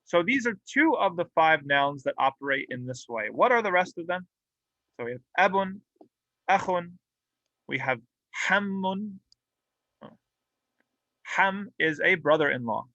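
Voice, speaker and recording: Bright-voiced man teaching a grammar class. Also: on the high side, lively intonation, moderate pace, no echo, dull audio. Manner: explains patiently, drills example words aloud, light humor. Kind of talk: classroom lecture. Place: mosque classroom.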